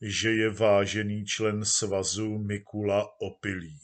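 A man voicing a smooth-talking male party orator with a pleasant baritone, making a slow, rhetorical speech in a storybook reading. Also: little pitch movement, lightly acted. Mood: genial.

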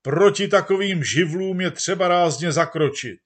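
A man voicing an indignant crowd of workers in a storybook reading, heckling loudly. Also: sits high, pitched above the performer's own voice. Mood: outraged. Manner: loud outraged heckling.

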